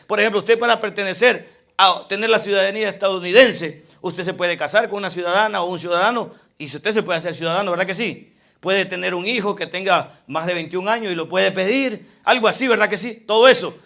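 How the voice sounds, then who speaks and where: Fervent male preacher, high gravelly voice, alternates loud emphasis with quiet asides. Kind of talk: sermon.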